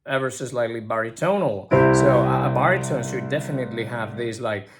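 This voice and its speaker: A man, an Italian native speaker, teaching singing in a casual spoken lesson. He talks haltingly with many restarts and drawn-out words, now and then singing a note, into a simple microphone. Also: medium pitch, over loud music. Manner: halting, many restarts, drawls words, breaks into sung notes.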